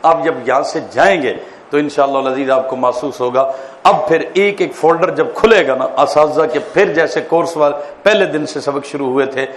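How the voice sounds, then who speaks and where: A man, a mufti, giving an animated classroom lecture on public speaking, quizzing his listeners and telling jokes. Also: fairly high pitch, slight background noise. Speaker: mufti teaching a course. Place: lecture hall.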